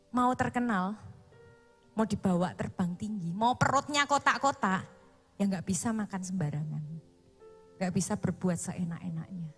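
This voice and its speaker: A woman's voice: a little high, breathy edge. A woman preacher giving a casual, conversational sermon, mixing English phrases into her talk and acting out her own pleading prayers.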